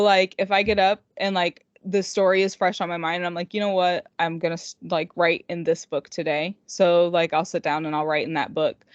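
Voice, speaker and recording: A woman with a fairly low voice co-hosts a podcast and is also an indie author. She chats casually and without a script, rambling informally and saying "like" constantly. The audio is slightly lo-fi, with no echo.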